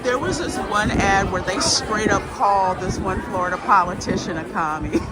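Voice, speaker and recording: A woman's voice: mid-range voice, moderate pace, over loud music. A woman hosting a livestream, chatting casually and jokily with viewers while walking outdoors through a theme park. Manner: jokey, informal. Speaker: livestream host. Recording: loud crowd and outdoor park noise.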